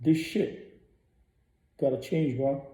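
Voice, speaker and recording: A man rants on a radio show, blunt and profane, and he hammers his points again and again. His voice is very dark and sits a little high. The room around him sounds echoey. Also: fairly even intonation, slow. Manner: blunt, profane, repeats himself. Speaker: radio host. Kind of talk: ranting monologue.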